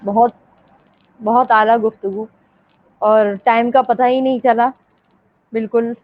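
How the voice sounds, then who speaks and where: A woman hosts a live radio show, praising her guests and thanking them with polite courtesy. Her voice is fairly high. The audio comes through muffled, like a broadcast feed. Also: fairly even intonation. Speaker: host.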